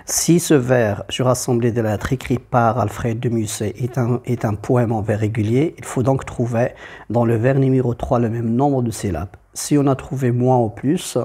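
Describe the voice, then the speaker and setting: A man's voice: medium pitch, steady tone, unhurried, warm tone, husky. Patient man teaching poetry meter. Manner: patient, explains step by step, repeats key terms. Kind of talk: poetry lesson.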